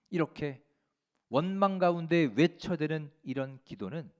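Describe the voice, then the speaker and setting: A man pastor delivering an earnest Sunday sermon in a church, full of rhetorical questions and exhortation. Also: medium pitch. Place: church sanctuary.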